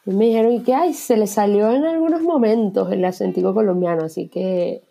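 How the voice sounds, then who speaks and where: A woman's voice: mid-range voice, fairly quick, gravelly, mellow, soft background music. A woman hosting a podcast, asking curious questions and teasing her guest. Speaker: podcast host. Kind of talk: casual podcast chat.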